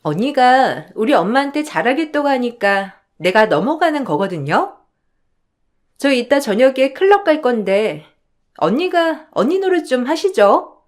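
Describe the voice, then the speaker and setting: A woman's voice: high-pitched, big pitch swings, unhurried. A woman voicing a spoiled, entitled young sister-in-law who makes mocking, whiny demands. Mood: sassy.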